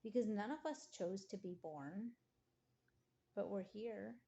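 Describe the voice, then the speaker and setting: A woman giving an earnest devotional talk, reading scripture and slowing down to near-whisper on key phrases. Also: medium pitch, vocal fry, dark tone.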